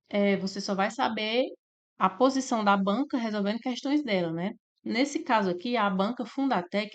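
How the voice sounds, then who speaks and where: A woman with a Brazilian Portuguese accent teaching a grammar lesson for exam prep. She explains step by step, slowly drawing out syllables and checking in with "né?" and "tá?". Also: mid-range voice, dull audio. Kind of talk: slide-based grammar lesson.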